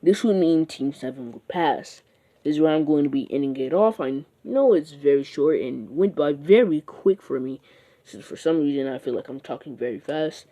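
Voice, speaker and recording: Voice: mid-range voice, animated, normal speed, warm tone. A narrator telling a fan-made what-if story in a casual, rambling way, full of "like" and "uh" and restarts. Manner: rambling, with frequent fillers and restarts.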